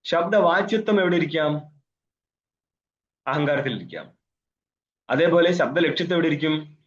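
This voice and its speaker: A man's voice: fairly high pitch, animated, moderate pace, dull audio, slight background noise. A man teaching a scripture class as a swami, explaining by asking questions and answering them himself, with Sanskrit recitation and wry asides. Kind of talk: philosophy class lecture. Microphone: online video call.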